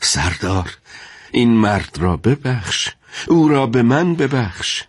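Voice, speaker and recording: A man's voice: medium pitch, big pitch swings, slightly rough, no echo, studio quality. A man voicing an earnest middle-aged male judge who pleads and reasons in a told story. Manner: earnest, imploring.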